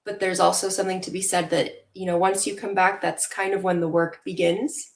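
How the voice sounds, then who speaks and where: A woman's voice: on the low side, level tone, brisk. A young woman from Venezuela, a guest in an interview, speaking in an earnest, reflective way with frequent fillers. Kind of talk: casual interview talk.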